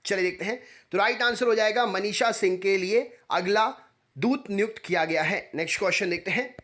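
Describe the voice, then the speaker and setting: A man with a high, light voice reads exam quiz questions one after another, each time in the same brisk pattern. He sounds like a coaching teacher recording a voice-over close to the mic. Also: pushed and bright. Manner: brisk, repetitive quiz phrasing.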